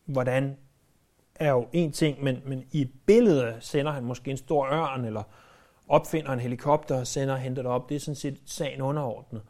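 A preacher gives a lively sermon, frequently hesitating with fillers and repeating words. When quoting someone, he acts it out with sudden jumps in pitch.

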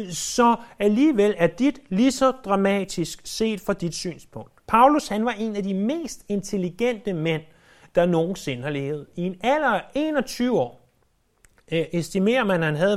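In a lively sermon, the preacher dramatizes quoted lines with sudden pitch shifts. He hesitates a lot, using fillers and saying words twice.

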